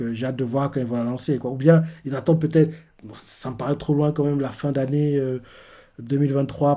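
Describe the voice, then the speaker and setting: A man's voice: mid-range voice, warm tone. A man casually retelling manga chapters and reacting to them, talking in loose rambles full of fillers.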